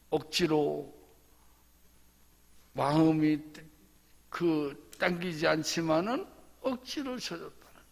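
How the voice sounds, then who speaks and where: A male pastor preaching a dawn sermon slowly and emphatically, repeating his points and acting out the story. His voice is fairly high and gravelly, and the long reverb of a church sanctuary trails behind it. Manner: emphatic, repetitive, dramatic storytelling.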